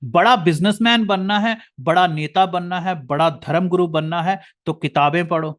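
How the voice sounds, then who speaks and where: Indian guy giving a heartfelt lecture, kinda high voice, talks to you like a brother. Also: normal speed, a bit bright. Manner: earnest, addresses listener as brother. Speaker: motivational speaker. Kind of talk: lecture to listeners.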